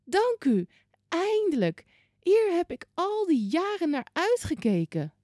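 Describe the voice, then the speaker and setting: Storybook casting: a woman putting on an overjoyed old woman, very high and trembling, dry mellow tone. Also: huge pitch swings, takes it slowly, no room sound, full character voice. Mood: joyful. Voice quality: shaky, trembling voice. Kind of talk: children's Bible story reading.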